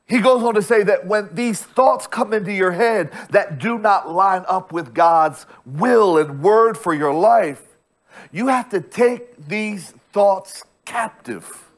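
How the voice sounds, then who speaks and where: Speaking into a small body mic on a church stage backed by a bright screen, a pastor in his thirties preaches a sermon. His voice sits a little high for a man, and he goes slowly, hammering points home through emphatic repetition and restarts.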